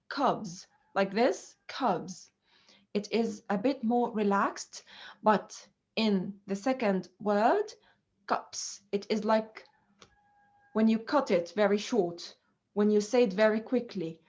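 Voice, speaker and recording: A woman teaching an English pronunciation lesson, speaking slowly and deliberately with many fillers. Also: mid-range voice, darkish tone. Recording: dull lo-fi recording.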